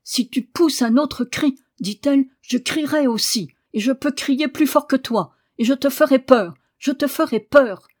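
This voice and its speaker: A woman reading an audiobook voices a fierce, bossy little girl who shouts and insists, repeating her words. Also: high-pitched, normal speed, voice pushed up, close to an everyday voice.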